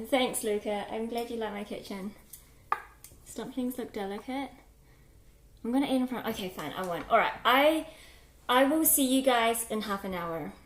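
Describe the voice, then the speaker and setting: A woman's voice: a little high, moderate pace, long pauses, slight background noise. Chatty woman streamer, echoey kitchen. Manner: chatty, greets viewers by name, scattered and distracted. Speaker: live streamer. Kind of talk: casual live-stream chat. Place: home kitchen.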